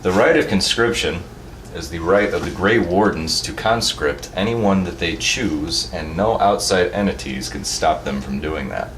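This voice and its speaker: A man's voice: low-pitched, a little slow. A man narrating a tabletop role-playing session as game master, casual and rambling. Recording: echoey room, mic far off, steady background noise.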